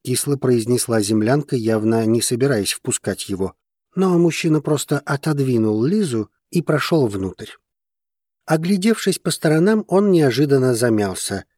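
A man narrating fiction for an audiobook in a measured, steady manner. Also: medium pitch, no echo, clean studio sound.

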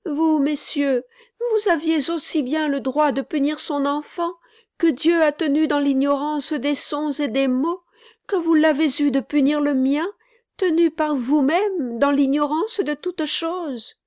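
A weeping mother in a storybook reading, her voice pushed high and shaking as she begs for her son, voiced by a woman narrator. She pleads and accuses by turns. The reading is slow and dry, close to the mic. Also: darkish tone, no room sound. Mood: desperate pleading. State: crying. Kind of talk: audiobook character reading.

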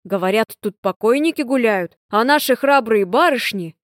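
A woman reading the part of a big, jovial, kindly man who jokes and shows gentle concern. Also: on the high side, animated, normal speed, no room sound, clean studio sound, natural voice. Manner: cheerful bantering, softening to gentle concern.

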